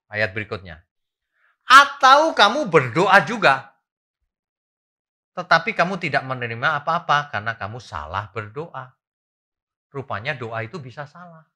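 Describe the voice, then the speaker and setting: Pastor guy preaching, super bright voice, swings up high and loud a lot. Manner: animated preaching, rising loud for emphasis, asks the congregation questions. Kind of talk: sermon. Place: church.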